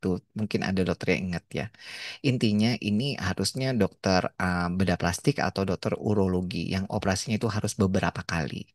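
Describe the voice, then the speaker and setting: A man's voice: sits low, a little fast, dry recording, clean studio sound. A man giving a conversational lecture on medical ethics, telling anecdotes and acting out quotes. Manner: chatty, storytelling, acts out quotes.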